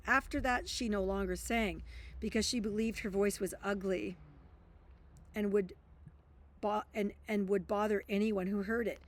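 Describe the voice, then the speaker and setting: Female self-help speaker, mid-pitched, reading a book aloud with emphatic asides.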